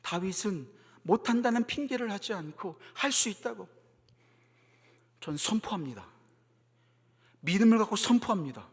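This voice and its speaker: A male pastor preaching at a Friday prayer meeting. He shifts from soft, low talk to loud, impassioned exhortation. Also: expressive, moderate pace, pauses often, breathy edge. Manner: acts out mocking voices in storytelling. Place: church sanctuary. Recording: reverberant church hall.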